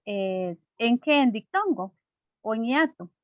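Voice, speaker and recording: A woman's voice: on the high side, lively intonation, slow, no room sound, dull audio. A woman teacher explaining a lesson patiently and simply, checking in with her class through frequent rhetorical questions.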